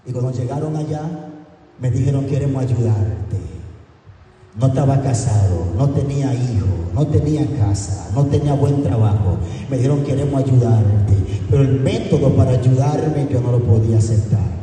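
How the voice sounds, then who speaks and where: A man preaching a sermon with fervor, rising to high shouts and slowing for emphatic lines. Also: slight background noise. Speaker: evangelist preacher. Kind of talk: Spanish-language sermon. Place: large echoey hall. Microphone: distant from the mic. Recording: echoey hall recording from far off with faint ambience.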